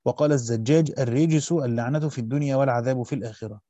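A man with an Egyptian accent reading a classical commentary aloud at speed, correcting himself and adding quick colloquial asides. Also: medium pitch, warm tone, no echo, dull audio. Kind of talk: fast read-through of a classical text with brief asides.

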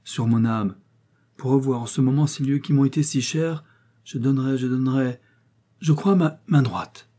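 A man voicing a tearful, agitated gentleman who pleads haltingly in an audiobook. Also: medium pitch, pitched above the performer's own voice, lightly acted. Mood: pleading, emotional.

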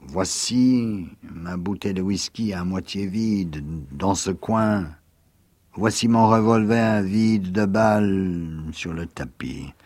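A huge, worn-out male secretary in a storybook reading, as a man reads him. His confessions come blunt and heavy, low-pitched and slow. The recording is close and dry. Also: darkish tone, no room sound. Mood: grave.

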